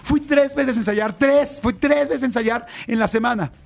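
A man's voice: extremely high pitch, normal speed, creaky, pitched above the performer's own voice. A man voicing an upset, sulky teenage girl, complaining indignantly. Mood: pleading.

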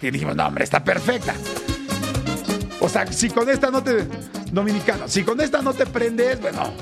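A man with a Mexican accent hosting a lively morning radio show, chatting excitedly and reading listener messages aloud in a radio studio. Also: high-pitched, moderate pace, gravelly, over music. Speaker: radio host.

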